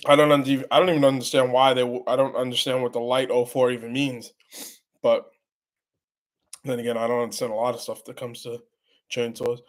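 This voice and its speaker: Stuffy-nosed guy chatting on his live stream, halting, keeps restarting, mid-pitched voice. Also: little pitch movement. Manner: rambling, halting, many restarts. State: congested. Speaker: channel host answering live chat. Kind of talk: casual live stream chat.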